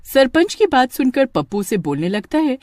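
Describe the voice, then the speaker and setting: A woman narrating a horror story in an expressive, storytelling way. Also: high voice, normal speed, no room sound, studio quality.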